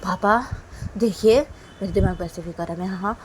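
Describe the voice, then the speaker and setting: A woman's voice: medium pitch, moderate pace, a little hiss or hum, close to an everyday voice. A woman doing an exasperated hot-tempered daughter. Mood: irritated. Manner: loud, scolding, exasperated.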